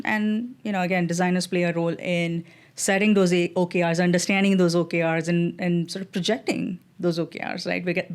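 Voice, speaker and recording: On an interview podcast, a design executive, a middle-aged woman with an Indian English accent, gives measured answers dotted with fillers and restarts. Her voice is fairly low, with a darkish tone.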